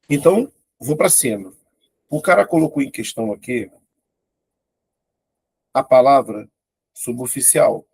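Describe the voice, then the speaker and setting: A Portuguese teacher with a mid-range, slightly mellow, breathy male voice gives an exam-prep grammar lesson, recorded with no room sound. He talks informally, thinking aloud as he works through the questions and exclaiming at the tricky ones.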